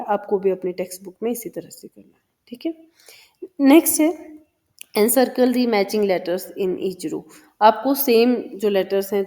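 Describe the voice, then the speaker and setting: A woman teacher patiently explaining a children's English lesson in Hindi, mixing in English words and reading lines aloud slowly. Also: mid-range voice, warm tone. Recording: long hall reverb.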